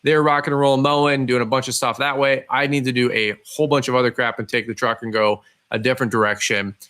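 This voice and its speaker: A man's voice: medium pitch, flat delivery, fast talker, fairly bright tone. A man hosting a podcast as a casual live stream, talking informally and directly to his listeners. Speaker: podcast host. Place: live stream with a cat nearby.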